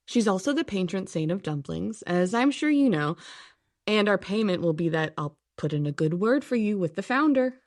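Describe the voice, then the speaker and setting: A woman's voice: medium pitch, animated, moderate pace, no room sound, close to an everyday voice. A woman narrating and acting a lead in an audio drama, dry, matter-of-fact and a little exasperated.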